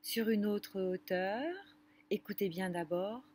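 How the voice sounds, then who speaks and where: A woman leading a children's music lesson, speaking gently and didactically straight to the kids. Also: medium pitch, breathy edge. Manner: gentle, slow and didactic, addressing children directly. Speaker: music teacher for young children.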